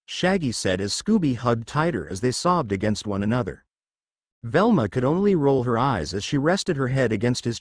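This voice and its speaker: A man narrating a fan fiction story in a steady read-aloud style. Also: mid-range voice, no room sound, clean studio sound. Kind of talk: scripted narration.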